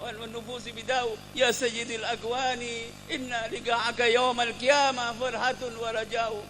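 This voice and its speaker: A man voicing an earnest male companion who pleads loudly and insistently. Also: mid-range voice, a little fast, slight background noise, close to an everyday voice. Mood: tearful. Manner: loud, insistent pleading, turning tearful.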